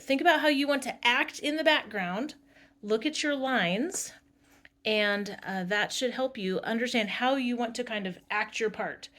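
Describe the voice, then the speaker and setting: A woman's voice: mid-range voice, fairly bright tone. A woman is reading a story aloud to a drama class. She reads with expression and breaks off now and then to explain the staging to the students. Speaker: drama teacher.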